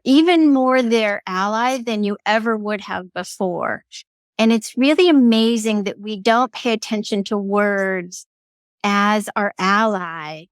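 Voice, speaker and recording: A woman guest on an interview, talking about energy healing in a lively, playful way and often acting out voices of people she quotes. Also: mid-range voice, clean tone, no room sound, studio quality. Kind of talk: conversational interview.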